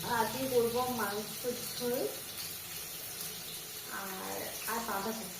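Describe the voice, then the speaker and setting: A woman's voice: medium pitch, fairly even intonation, slow, vocal fry, echoey room, very noisy. A young woman, a mother and home vlogger, chatting casually to viewers about her daily routine at home. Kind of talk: casual vlog narration. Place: home kitchen, indoors.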